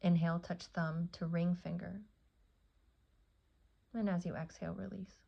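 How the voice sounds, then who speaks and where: Guiding a meditation, this woman, a yoga nidra teacher, uses a low, gravelly voice with little pitch movement. Her soothing short phrases come with long pauses between them, and the audio sounds a bit muffled and dull.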